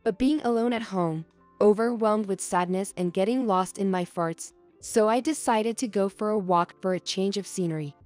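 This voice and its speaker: A young adult woman reading a first-person story aloud as narrator, in a soft, earnest storytelling manner. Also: mid-range voice, moderate pace, soft background music.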